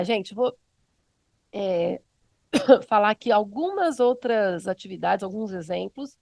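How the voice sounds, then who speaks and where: A woman's voice: medium pitch, darkish tone, dry recording. A woman with a Brazilian Portuguese accent, a music educator giving a casual, encouraging teaching talk with many fillers.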